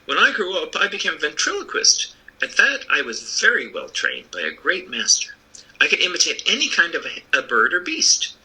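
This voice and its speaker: Bright-voiced, animated old humbug wizard played by a man. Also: fairly high pitch, normal speed, breathy edge, voice pushed up, exaggerated voice, rough recording. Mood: sorrowful, confiding. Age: older. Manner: earnest, explanatory. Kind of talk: storybook reading.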